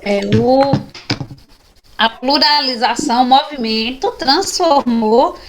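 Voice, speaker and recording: High-voiced Brazilian woman teaching a class. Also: slow, a little hiss or hum. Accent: Brazilian Portuguese. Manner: explanatory, frequent checking questions to students. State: tired after a long day. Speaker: sign language teacher. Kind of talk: online class lecture.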